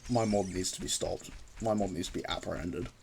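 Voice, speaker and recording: A man's voice: deep voice, fairly quick, gravelly, darkish tone, a little hiss or hum. A man streaming a video game with rambling, chatty commentary that often breaks off mid-sentence. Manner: rambling, chatty, self-interrupting. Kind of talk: casual gameplay commentary. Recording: background music under voice.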